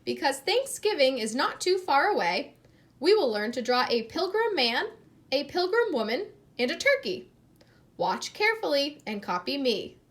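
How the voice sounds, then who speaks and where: A woman reader plays a patient lady art teacher in a children's storybook. She explains carefully and reasonably, in a fairly high voice with plenty of rise and fall. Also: big pitch swings, normal speed. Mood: instructing.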